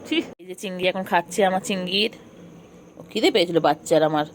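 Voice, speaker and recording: A woman's voice: lowish voice, fast talker, a little hiss or hum. Woman cooing baby talk at her cat. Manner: cooing and repetitive, scolding playfully. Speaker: pet owner filming her cat. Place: at home, indoors.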